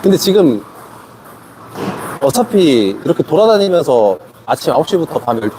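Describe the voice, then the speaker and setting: A man's voice: a little high, very animated, normal speed, warm tone, slight background noise. A man hosting a casual live stream in a table tennis hall, a coach who asks teasing questions.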